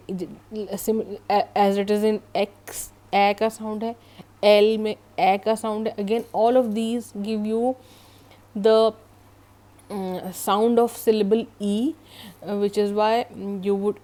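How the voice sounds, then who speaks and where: Slow, mellow Indian woman teaching grammar. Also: mid-range voice. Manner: slow, deliberate, repeats and spells out examples. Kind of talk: explanatory lesson mixing Hindi and English.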